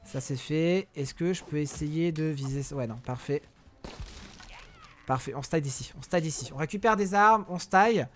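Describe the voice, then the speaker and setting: A young man giving excitable live commentary on a mobile game, talking to his viewers and yelling at opponents. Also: fairly high pitch, moderate pace, soft background music. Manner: excitable, shouts during fights, talks to viewers and enemies. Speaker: gaming YouTuber.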